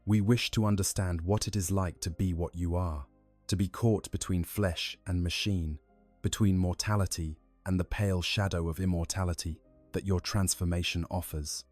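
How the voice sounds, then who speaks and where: A man voicing an ancient, curious male Necron lord in a measured, formal way. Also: low-pitched, fairly even intonation, a little mellow, no echo, soft background music. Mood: cold.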